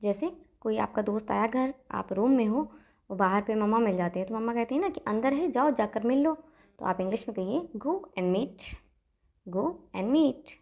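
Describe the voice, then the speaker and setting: A young adult woman teaching spoken English, saying each short phrase slowly and clearly, then repeating it. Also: on the high side, darkish tone. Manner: slow, clear drilling, says each English phrase twice. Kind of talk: bilingual language lesson.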